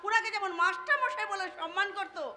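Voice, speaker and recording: A woman's voice: very high-pitched, quick pace. An actress playing a widowed middle-aged mother who scolds and speaks with emphatic stage delivery, in live folk-theatre acting. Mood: sorrowful. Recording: live stage mic with music behind.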